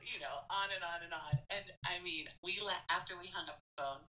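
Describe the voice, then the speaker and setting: A middle-aged woman, an admissions counselor, telling a story in a casual interview, animated and laughing often. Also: fairly quick, slight background noise, poor audio. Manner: animated, laughs often, acts out quotes in a high voice.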